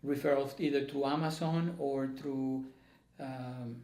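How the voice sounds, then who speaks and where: A man hosting a casual interview, upbeat in his intro and halting when asking questions. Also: medium pitch, steady tone, mellow. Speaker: podcast host. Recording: echoey room.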